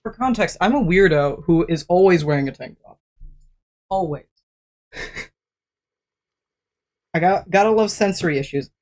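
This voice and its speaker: Slightly ill, this game streamer sounds deeper than normal while chatting loosely with a live audience, rambling, laughing a lot, and greeting and thanking viewers. The delivery is expressive and a touch mellow, at a moderate pace with frequent pauses.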